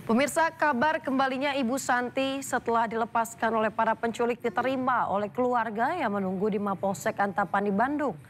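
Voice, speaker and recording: A woman's voice: a little high, slight background noise. A woman anchoring a television news bulletin, reading formally and addressing the viewers directly.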